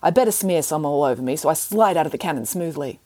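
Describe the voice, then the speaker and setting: A woman voicing a grand, greedy, self-assured female pig nanny in a storybook reading, brisk and matter-of-fact. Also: low voice, expressive, warm tone.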